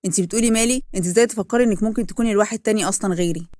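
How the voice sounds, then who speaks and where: A woman voicing a possessive, jealous young man with an Egyptian accent, talking loud and angry. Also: sits high, racing, dry recording, close to an everyday voice. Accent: Egyptian Arabic.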